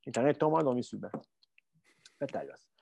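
A man with a Québécois French accent telling a story casually as a guest, animated and full of filler words. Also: mid-range voice, fast talker, gravelly, a little hiss or hum. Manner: animated, fills talk with "là" and mild swearing.

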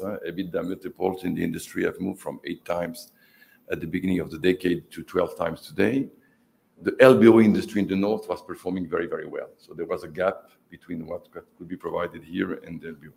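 A middle-aged man, a non-native English speaker, giving a halting, analytical panel talk as a fund manager in the manner of an investment banker, heavy with finance jargon. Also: low voice, creaky, a little mellow. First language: not English.

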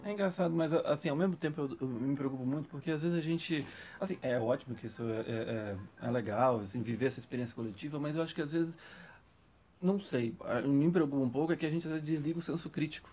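A Brazilian man hosts a casual film discussion, talking fast with a slightly raised pitch. He weighs his points, stumbling over repeated words. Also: darkish tone. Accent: Brazilian Portuguese. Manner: thoughtful, hesitant, repeats words. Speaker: podcast host.

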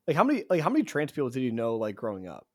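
A man's voice: medium pitch, racing, no room sound. Young guy cohosting a chatty podcast, hyped, dude every other word, dry close sound. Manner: excitable, says dude a lot. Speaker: podcast co-host. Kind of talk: casual chat.

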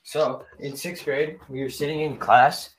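A teenage boy chatting casually with friends over an online call, loud and teasing, laughing often. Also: mid-range voice, steady tone, unhurried, rough recording.

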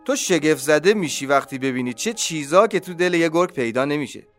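A man's voice: a little high, lively intonation, soft background music, natural voice. A man voicing a contented male duck in a storybook reading, matter-of-fact and confident. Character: calm, contented male duck living in a wolf's belly.

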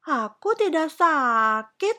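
Storybook: woman voicing a bouncy little princess girl, high, lively and sing-song, drawn out slowly. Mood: eager. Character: excited little girl princess, eager and whiny.

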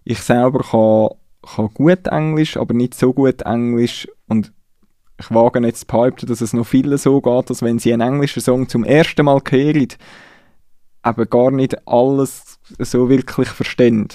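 A man's voice: mid-range voice, steady tone, moderate pace, dark tone, dry recording, studio quality. A Swiss man from Nidwalden, a musician guest speaking reflectively and hesitantly in a casual interview. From Nidwalden, Switzerland. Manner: reflective, hesitant, restarts sentences.

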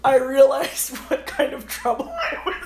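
A woman with a Canadian accent, a podcast co-host telling stories in casual chat, often laughing and animated. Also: high-pitched, unhurried. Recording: echoey room with faint noise.

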